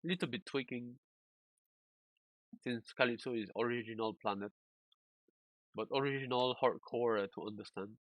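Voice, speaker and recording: A man's voice: medium pitch, no room sound, low-quality recording. Man, casual stream walkthrough, stop-start phrasing, no room sound. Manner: halting, repeats words, loose non-standard English phrasing. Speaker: streamer explaining game data analysis.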